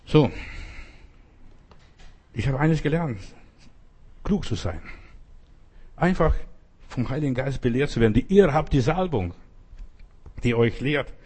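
A man's voice: mid-range voice, lively intonation, a little slow, long pauses, darkish tone, husky. A man preaching in an informal sermon style, earnestly talking straight to the listener. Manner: earnest, addresses listener directly. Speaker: evangelist preacher.

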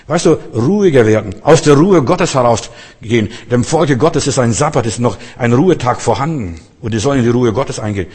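In a church hall with long reverb, a man delivers an earnest sermon, addressing his listeners directly and repeating phrases. His voice sits in the mid-range, a little mellow and slightly rough.

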